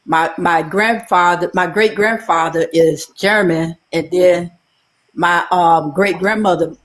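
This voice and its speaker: Slow, hesitant woman caller. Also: on the low side, fairly even intonation. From Alabama. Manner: hesitant, lots of pauses and fillers. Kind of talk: casual call-in.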